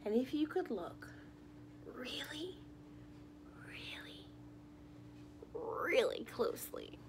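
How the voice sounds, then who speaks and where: A young adult woman reads a picture book to small children in a living room, speaking slowly and in a whisper. Her fairly high voice still swings animatedly, and she addresses her young listeners directly in an expressive storytime way.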